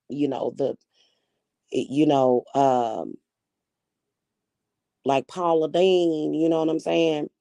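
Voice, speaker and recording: Reading her chat aloud, a Kansas City, Missouri host in her forties chats casually, her low voice mellow and warm with a Midwestern lilt. She's frank and slangy, often rambling as she responds straight to viewers. Little reverb here; the sound is close and dry.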